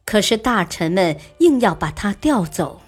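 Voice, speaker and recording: Woman storyteller, slow measured delivery, husky voice, faint music behind. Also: mid-range voice, big pitch swings. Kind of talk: scripted historical story narration.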